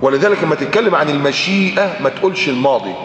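A man preaching with an Egyptian Arabic accent, fast and animated, firing off rhetorical questions and now and then chanting verses. His voice sits a little high. The recording rings with a long hall echo. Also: highs cut off, a little hiss or hum. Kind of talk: sermon.

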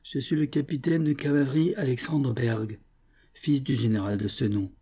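Man doing a gentle captive cavalry officer. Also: mid-range voice, steady tone, normal speed, slightly rough, pitched above the performer's own voice, natural voice. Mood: earnest.

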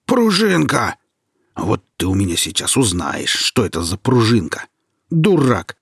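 A gloating, domineering male forest sorcerer , put on by a man reading the tale aloud. The voice is husky and sits a little lower than usual, in a dry, close sound. He barks orders and then drops into a slow, threatening hush. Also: huge pitch swings, dry recording, heavily acted. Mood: angry, boastful. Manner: loud and commanding, turning to a slow menacing hush.

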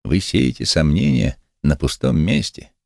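A man's voice: extremely low pitch, big pitch swings, a little slow, gravelly, no room sound, clean studio sound, heavily acted. A man voicing a sneering one-legged male cynic who speaks with mocking contempt. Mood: scornful.

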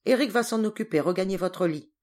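A woman's voice: medium pitch, a little fast, a little mellow, voice pushed up, lightly acted. Woman reading as a commanding hunter chief. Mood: curt. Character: hunter leader, commanding, ironic man.

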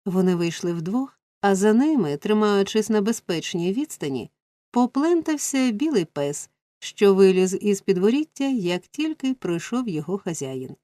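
A woman narrating a classic novel as an audiobook in a steady, expressive storytelling manner. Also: medium pitch, normal speed, dry recording. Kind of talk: scripted narration.

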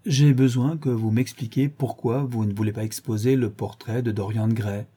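A man's voice: medium pitch, steady tone, normal speed, warm tone, slightly rough, natural voice. A man voicing a witty, cynical young English aristocrat with an airy, amused manner. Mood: insistent.

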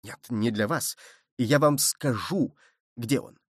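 A man voicing a shrewd, quick-witted musketeer who speaks in a brisk, commanding way. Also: mid-range voice, slightly rough, no room sound, clean studio sound. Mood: sly.

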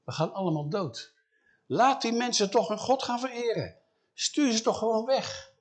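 A man voicing frightened royal servants who plead with their king, quick and anxious. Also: sits high, pitched above the performer's own voice, natural voice. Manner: pleading, rising alarm. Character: panicky male royal servants.

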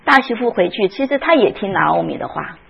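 A woman's voice: medium pitch, very animated, brisk, creaky, muffled recording, a little hiss or hum. A woman teaching a Sunday school Bible class, often asking the class questions and retelling scenes with feeling.

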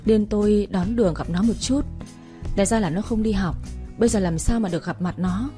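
A woman's voice: mid-range voice, brisk, soft background music, lightly acted. A woman voicing a remorseful, ashamed mother. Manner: soft, pleading.

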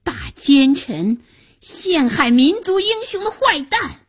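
A woman voicing a brave, stubborn schoolboy who talks back, with piercing high childlike shouts. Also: expressive, moderate pace, full character voice. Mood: indignant. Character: brave defiant schoolboy, stubborn and quick-tongued.

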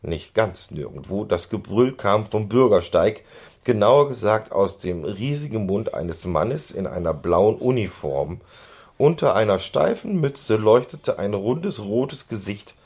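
A man reading a children's story aloud in an expressive, playful way. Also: fairly low pitch, a little slow, slightly rough. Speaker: narrator. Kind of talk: audiobook reading.

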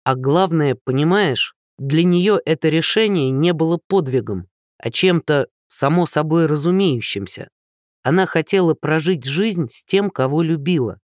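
A man reading an audiobook, voicing Lyosha, a burly, gentle, earnest captain, in a lower, earnest voice. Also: expressive, measured pace, no room sound, studio quality.

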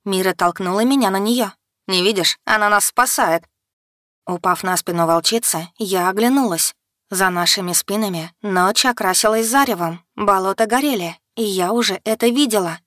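A woman reads a first-person fantasy audiobook expressively and cries out the heroine's shouts at full voice. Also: mid-range voice, normal speed, no echo, clean studio sound. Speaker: audiobook narrator.

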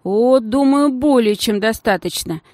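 Женщина озвучивает в аудиокниге вспыльчивую девочку лет двенадцати с писклявым голосом. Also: female voice, dry recording, natural voice. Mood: wry. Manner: squeaky, quick to flare up. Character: excitable schoolgirl of about twelve.

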